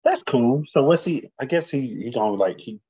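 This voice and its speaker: A man's voice: mid-range voice, normal speed, slightly rough. Laid-back slangy man, dull lo-fi sound. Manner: relaxed, slangy, asks his co-host questions. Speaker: podcast co-host. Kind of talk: casual sports chat.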